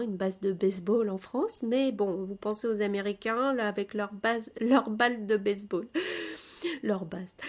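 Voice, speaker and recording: A woman hosting a podcast, reading out textile terms and explaining them in a relaxed, joking way. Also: on the high side. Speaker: podcast host teaching textile vocabulary. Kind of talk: casual spoken vocabulary lesson.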